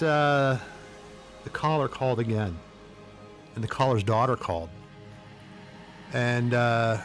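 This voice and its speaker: A podcast host with a mid-range, slightly bright voice tells funny stories. His casual commentary has a wry, tongue-in-cheek edge.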